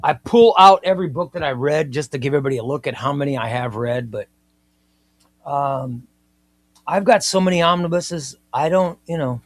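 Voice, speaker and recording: A man in his fifties hosts a comic book livestream, reading viewer comments in casual, enthusiastic chat and often repeating himself. His voice is on the high side at a normal speed, with no room sound.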